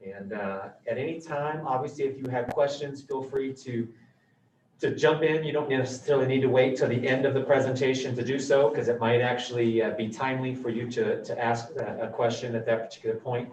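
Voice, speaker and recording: A man speaking through a face mask, giving halting, accommodating opening remarks as he facilitates a meeting. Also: medium pitch, fairly even intonation, a little mellow. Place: meeting room, relayed over a video call. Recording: echoey room, dull distant mic, faint noise.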